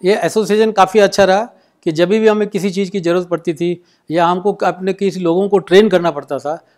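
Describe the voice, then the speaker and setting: High-pitched matter-of-fact dairy official. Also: male voice, steady tone, fairly quick, darkish tone, soft background music. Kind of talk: interview.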